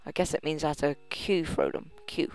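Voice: mid-range voice, steady tone, a little fast, soft background music. A gamer giving casual commentary while playing, rambling and thinking aloud, often trailing off mid-sentence. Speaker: let's play gamer.

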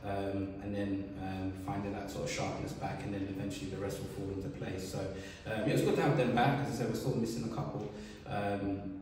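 A man, a football manager giving a relaxed post-match interview full of fillers. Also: lowish voice, brisk, slight background noise. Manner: relaxed, many fillers and "sort of". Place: bare indoor room by a wall, seated. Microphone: camera a few feet away. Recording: echoey room from far off.

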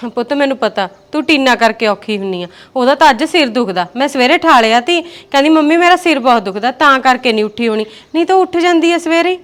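An actress playing a gentle, patient village mother-in-law who soothes and placates her daughters-in-law. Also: high voice, animated, fast, hardly any pauses.

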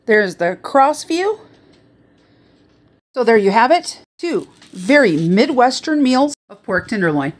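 An older woman chats her way through a home cooking demo, explaining each step in an upbeat, easygoing way. Her voice sits a little high, recorded on a phone at arm's length in her kitchen. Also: big pitch swings, slow. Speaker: retired chef cooking host. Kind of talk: casual cooking tutorial. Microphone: phone held at arm's length.

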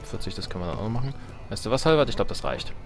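A let's player offers casual, jokey, slangy gameplay commentary over music, often talking to himself and to his game units. His voice is lowish and expressive, and he speaks rapid-fire.

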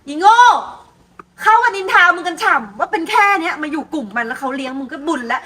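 Young woman doing a very high bright mouthy schoolgirl, cusses, argues a lot. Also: lively intonation, quick pace. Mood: argumentative. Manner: quarrelsome, coarse slang. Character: brash, swearing teenage schoolgirl. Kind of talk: amateur student drama.

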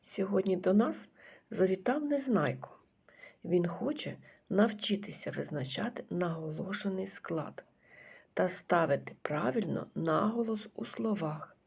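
A woman kindergarten teacher giving a recorded literacy lesson to preschoolers, slow and patient, pausing for the children's answers and often dropping into a breathy half-whisper. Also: mid-range voice, lively intonation, a little mellow.

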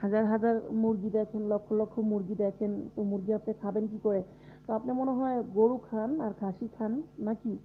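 A woman's voice: medium pitch, fairly even intonation, brisk. Feverish woman chatting on a tinny live stream. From Bangladesh. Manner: chatty, answers viewer comments, laughs often. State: unwell with fever and body aches. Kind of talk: casual live-stream chat with viewers. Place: closed room at home.

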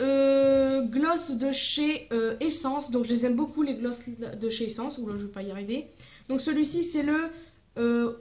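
Young female beauty vlogger from France, high voice, casual and chatty, stumbles over her words. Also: echoey room. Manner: chatty, rambling, fillers and self-corrections. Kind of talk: casual haul vlog.

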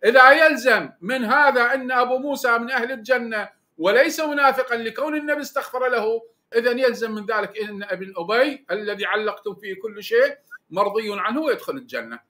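Insistent man, quick and bright. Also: extremely high pitch. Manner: insistent, repeats himself to hold the floor. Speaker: debate panelist. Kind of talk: heated religious debate.

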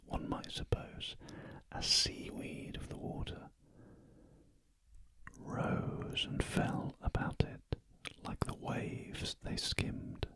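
A man with a British accent reads a classic story aloud as ASMR in a very gentle, breathy, unvoiced whisper, close to the listener's ears. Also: very high voice, rough recording. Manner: very gentle, hushed, deliberate. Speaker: audiobook narrator. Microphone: close ear-to-ear stereo microphone.

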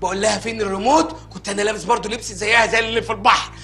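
High, bright Egyptian comic actor. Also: male voice, fairly even intonation, racing, faint music behind. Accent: Egyptian Arabic. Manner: loud, exaggerated comic delivery. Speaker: comedian in sketches. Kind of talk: Egyptian comedy sketch acting.

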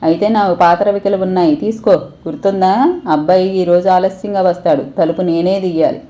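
A woman's voice: on the low side, fairly even intonation, brisk, warm tone, natural voice. A woman voicing a domineering, suspicious older mother-in-law who scolds and threatens harshly. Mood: threatening.

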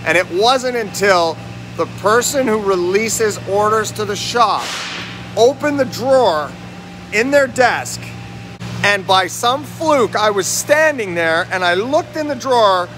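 High-voiced man vlogging in a noisy factory. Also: a little slow. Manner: energetic, talks straight to viewers, asks them questions. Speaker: lean manufacturing consultant. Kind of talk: walking factory-tour vlog. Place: large indoor factory warehouse. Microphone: phone held at arm's length, selfie framing.

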